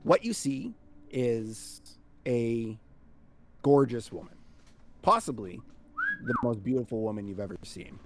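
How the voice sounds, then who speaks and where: A man narrating a tabletop game casually as game master, halting and sweary. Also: mid-range voice, big pitch swings, faint music behind.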